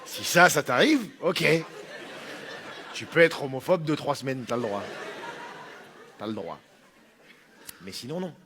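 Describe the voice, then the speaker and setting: A man's voice: medium pitch, animated, measured pace, pauses often, crowd noise, noisy background. A man performing a stand-up monologue in an informal, argumentative, sardonic way. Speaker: stand-up comedian.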